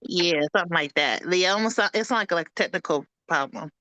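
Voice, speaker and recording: A woman's voice: fairly low pitch, animated, quick pace, bright, forceful tone, dry recording, lo-fi sound. A woman on a video call chatting casually in a public meeting, full of "like" and repeating her point. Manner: chatty, repeats herself with many "like"s. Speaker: commission member.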